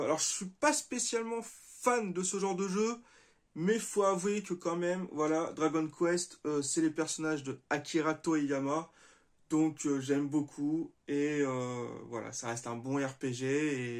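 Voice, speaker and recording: A man's voice: a little high, a little mellow. Hesitant, chatty man hosting a vlog. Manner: hesitant, many filler sounds; friendly, chatty toward viewers. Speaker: retro gaming channel host. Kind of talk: casual vlog showing game purchases.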